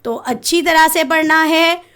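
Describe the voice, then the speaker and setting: A young adult woman teaching young children to read letters, sounding out syllables slowly and having them repeat. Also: very high-pitched, fairly bright tone. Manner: slow, drawn-out syllable drilling. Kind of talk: children's lesson.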